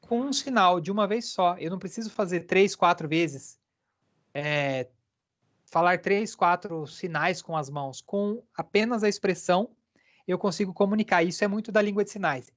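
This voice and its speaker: Halting interpreter voicing a lecture, lo-fi. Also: medium pitch. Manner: halting, with many filler pauses.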